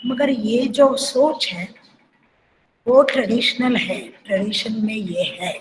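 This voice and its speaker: Older dance guru, woman with marathi accent, unhurried lecture, slightly high voice, faint room ambience. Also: a little hiss or hum, rough recording. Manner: reflective, sings phrases to illustrate. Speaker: kathak guru teaching. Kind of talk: lecture with sung syllables.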